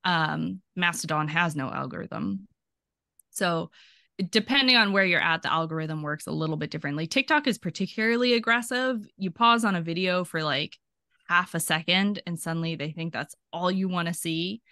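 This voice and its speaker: A woman who is a podcast guest, chatting in a casual, animated way over a video call and laughing easily. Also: fairly low pitch, moderate pace, no echo, studio quality. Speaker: podcast guest, archaeology PhD student. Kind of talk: casual interview chat.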